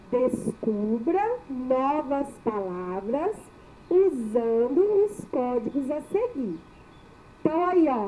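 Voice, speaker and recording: A woman teacher giving a children's spelling lesson, sounding out syllables slowly and clearly in a sing-song way. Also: high-pitched, a little hiss or hum. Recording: thin phone-like audio.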